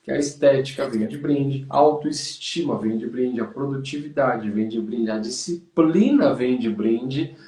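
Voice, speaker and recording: A man's voice: medium pitch, unhurried, hardly any pauses, dark tone, reverberant, recorded from a distance. A man with a Brazilian Portuguese accent, a podcast host and running coach, chatting casually in a motivational, encouraging way. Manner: motivational, addresses listener as "cara".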